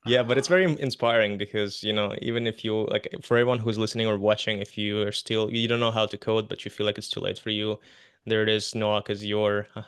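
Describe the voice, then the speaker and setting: A man hosts a casual podcast interview, asking questions in an encouraging way. He talks quickly in a low voice. The recording is dry and close. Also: a bit bright, clear, resonant tone, dry recording. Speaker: podcast host.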